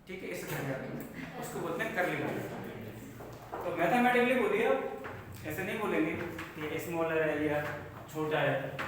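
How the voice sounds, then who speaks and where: Bright-voiced math teacher in an echoey room. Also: male voice, high-pitched, slight background noise. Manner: asks the class questions and jokes between points. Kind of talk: classroom lecture. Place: classroom. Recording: echoey classroom from far off.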